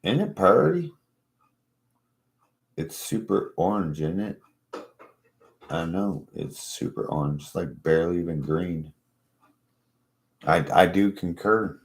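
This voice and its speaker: A man with a very low voice chats loosely and profanely, spinning stories and acting out the other people in them. He sounds like he's in an echoey room. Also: a little slow, pauses often. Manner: laid-back, profane, storytelling with acted-out quotes. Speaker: co-host. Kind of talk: casual stoner chat.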